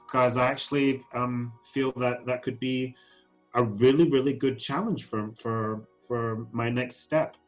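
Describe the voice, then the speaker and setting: This podcast interview features a fashion council CEO, a man in his forties born in Scotland and raised in Germany, whose mid-range voice stays steady and runs a little slow. He stumbles hesitantly through frequent ums and restarts, with faint music behind him and low recording quality.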